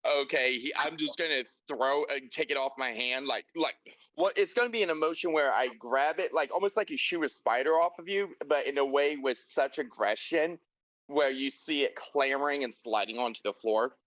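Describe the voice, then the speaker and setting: Bright, rambling young man at the table. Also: mid-range voice, dry recording, dull audio. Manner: rambling, halting, many fillers and restarts. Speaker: player. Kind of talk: casual tabletop game chat. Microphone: voice chat.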